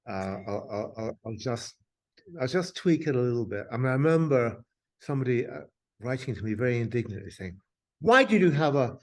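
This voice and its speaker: A man's voice: medium pitch, darkish tone. Chatty man telling anecdotes. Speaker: crime novelist guest. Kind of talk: casual video interview. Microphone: video call.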